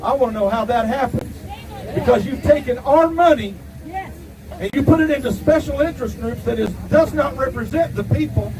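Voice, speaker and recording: Fiery man shouting to an outdoor crowd. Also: extremely high pitch. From Ohio, USA. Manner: fiery, defiant, shouting at times. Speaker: rally speaker. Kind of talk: outdoor protest speech. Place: outdoors at a rally with vehicles. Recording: distant mic, crowd and street noise.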